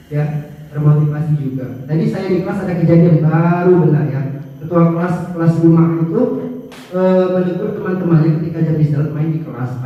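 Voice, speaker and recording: A male schoolteacher giving a conversational workshop talk to fellow teachers, addressing them directly and using frequent filler sounds. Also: on the high side. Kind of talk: workshop presentation. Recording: very echoey hall, mic far off, dull sound.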